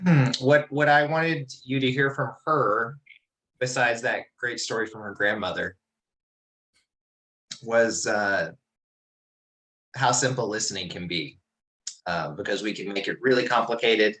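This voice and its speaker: A middle-aged man teaching a class over a video call, telling a personal story in a relaxed, reflective way with many restarts. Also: medium pitch, a little slow, pauses often, poor audio.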